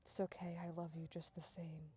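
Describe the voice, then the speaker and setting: A woman's voice: lowish voice, level tone, normal speed, dark tone, slightly rough. A woman voicing a laid-back, loving young man who speaks casually and tenderly.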